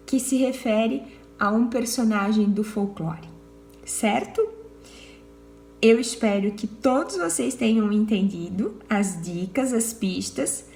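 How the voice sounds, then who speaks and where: A woman's voice: fairly high pitch, darkish tone, roomy sound. A Brazilian woman teacher giving word clues to children in a recorded lesson, patient and repeating herself. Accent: Brazilian Portuguese.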